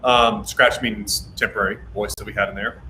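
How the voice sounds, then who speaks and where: A man's voice: fairly low pitch, fairly even intonation, normal speed, sharp tone. A man hosting a livestream, chatting casually about a show he works on. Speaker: livestream host, show creator. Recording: echoey room, faint background noise.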